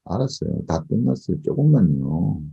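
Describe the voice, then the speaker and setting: A man voicing a sulky schoolgirl daughter who whines and gets irritated, in a low, dark, husky voice. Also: sing-song, moderate pace, lo-fi sound, heavily acted. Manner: whiny, irritated.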